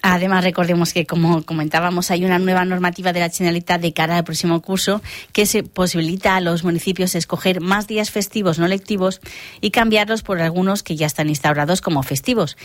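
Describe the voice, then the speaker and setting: A woman the reading local radio news in a clear, measured way. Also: fairly low pitch, steady tone, no room sound. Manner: clear, measured newsreader delivery. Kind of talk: read local news bulletin. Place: radio studio. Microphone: studio microphone.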